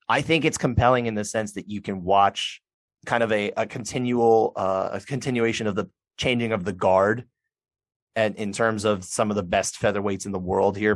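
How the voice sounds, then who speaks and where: A podcast co-host with a lowish voice talks sports casually and at length, recorded dry. He's chatty, often restarts his sentences, and puts on quick voices for other people.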